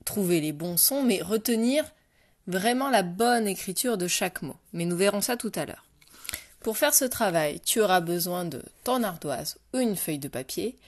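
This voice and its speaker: A woman teacher giving a slow dictation lesson to young children, saying each syllable clearly and repeating it. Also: mid-range voice, a little mellow, no echo. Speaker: primary school teacher.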